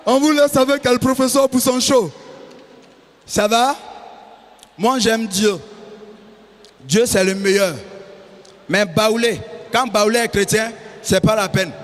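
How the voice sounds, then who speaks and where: High-voiced comedian in a hall. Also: male voice. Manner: animated, shouting bursts, many character voices. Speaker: stand-up comedian. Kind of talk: stand-up comedy on stage. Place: large venue on stage. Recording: hall echo with faint crowd ambience.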